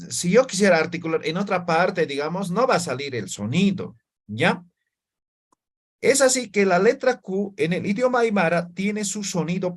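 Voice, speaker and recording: A man teaching an online language class, explaining patiently, demonstrating sounds slowly and checking in with his students often. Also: high-pitched.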